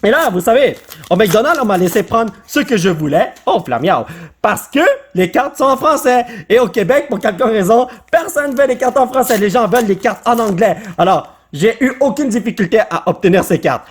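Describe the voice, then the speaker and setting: A high-voiced man with a Quebec French accent who chats casually through a card-opening video. His pitch jumps around constantly and he keeps breaking into excited high exclamations, with English slang mixed in. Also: normal speed, breathy edge. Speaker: YouTuber.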